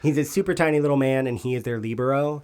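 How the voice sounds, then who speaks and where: A man's voice: mid-range voice, quick pace, darkish tone, clear, resonant tone. A man in casual podcast chat, talking loosely and circling back on his words. He swears freely and breaks into laughter often. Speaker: podcast co-host.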